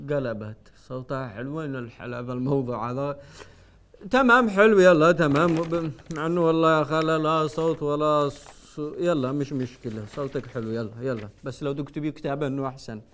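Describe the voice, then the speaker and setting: Sarcastic Yemeni man, high and quick. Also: a little hiss or hum. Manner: mocking, sarcastic, swings between loud and hushed. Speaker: satirical show host. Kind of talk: satirical comedy monologue.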